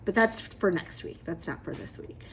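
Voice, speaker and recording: A planner vlogger in her thirties chats casually to camera at home while planning, rambling with many fillers and a slight frog in her throat. Her fairly low, creaky voice has lively intonation at a moderate pace, with slight background noise.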